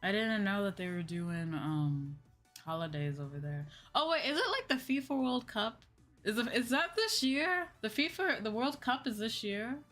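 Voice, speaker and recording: A woman with a medium-pitched, animated, slightly bright voice speaks at a normal pace while hosting a livestream as a virtual streamer. She chats casually and ramblingly with viewers, thinking aloud and revisiting her points, with music in the background.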